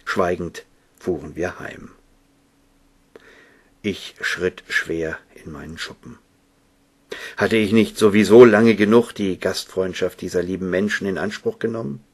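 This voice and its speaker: A man narrating a story in the first person in a calm, measured, soft-spoken manner. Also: sits low, husky. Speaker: audiobook narrator.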